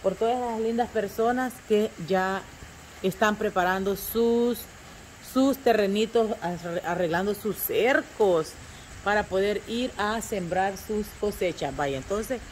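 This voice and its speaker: A woman's voice: medium pitch, slow pace, a little hiss or hum. An older woman, chatting homely and rambling to her viewers from her rural yard, calling them fond pet names and searching aloud for words. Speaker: vlogger. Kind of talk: casual chat to camera. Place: rural yard and garden outdoors.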